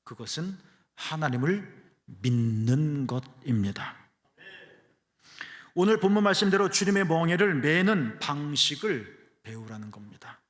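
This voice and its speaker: A male pastor preaching a sermon, earnest, dropping to hushed low phrases and then rising to emphatic ones. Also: big pitch swings, unhurried. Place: church sanctuary. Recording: long church hall reverb.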